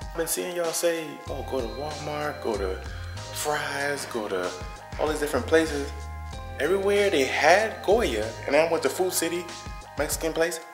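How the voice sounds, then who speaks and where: A man talking casually to his vlog audience in an animated, hyped way, cheering and laughing. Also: on the high side. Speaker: vlogger husband. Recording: roomy sound with loud music bed.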